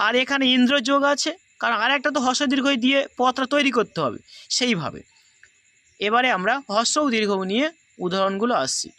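A man's voice: very high-pitched, bright, forceful tone, no echo. A man teaching a grammar class, explaining the rules patiently and going over each step again. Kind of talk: recorded class lesson.

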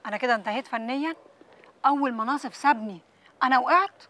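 Fading singer, very rapid bright voice, anxious and accusing,. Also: female voice, high-pitched. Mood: worried. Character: fading pop singer, worried and resentful.

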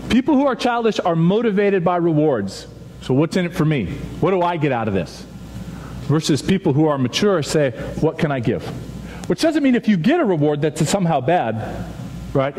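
A man in his thirties giving an animated chapel talk to students on a stage, telling stories and acting out quoted voices. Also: a little high. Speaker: youth chapel speaker. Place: large dark auditorium with stage. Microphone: stage microphone, seen from far back. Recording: reverberant hall, faint audience noise.

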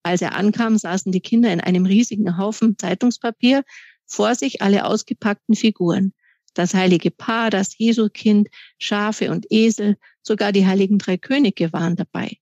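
A woman author reading aloud from her children's book in calm, measured storytelling. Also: mid-range voice, no room sound. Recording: dry, slightly dull recording.

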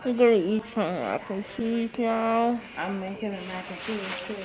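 A woman's voice: mid-range voice, normal speed. A young woman speaks into her camera at home with gauze packed in her mouth, so her words come out thick and muffled. She talks casually, as if filming a diary for her viewers, with faint background noise in the room. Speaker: vlogger. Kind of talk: casual personal vlog. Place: at home indoors.

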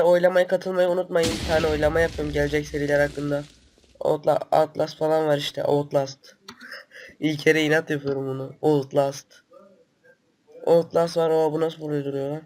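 A man with a cold and a stuffy nose, hosting excitable gameplay commentary, swearing and breaking into loud outbursts. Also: fairly high pitch, slight background noise. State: sick with a stuffy nose and cough. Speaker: gaming channel host.

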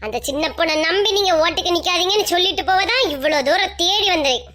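Brief: very high, quick, quarrelsome Kanyakumari woman in a comic skit. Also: sharp tone. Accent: Kanyakumari Tamil. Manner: boastful, quarrelsome, dramatic. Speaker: comedy skit creator.

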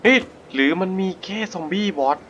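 Excitable man narrating his gameplay. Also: a little high, moderate pace, dull audio, slight background noise. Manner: excitable, jumpy, talks to himself while playing. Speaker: gaming channel host. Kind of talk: casual let's-play commentary.

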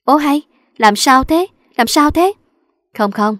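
A woman's voice: a little high, expressive, moderate pace, no echo, clean studio sound. A woman voicing a young country wife who fusses and scolds in a flustered way. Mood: flustered fussing. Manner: flustered, fussing.

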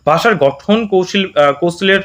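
A man's voice: high voice, moderate pace, a bit bright. A man teaching an exam prep lesson, explaining step by step and often checking "okay?".

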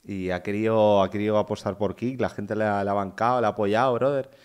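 Un hombre joven de España, streamer, comentando en directo con entusiasmo y muchas repeticiones desde su cuarto. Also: male voice, on the low side, fairly even intonation, quick pace, clear, resonant tone. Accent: Spain Spanish. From Spain. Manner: enthusiastic, repetitive, chatty. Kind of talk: casual live-stream commentary. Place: his own room.

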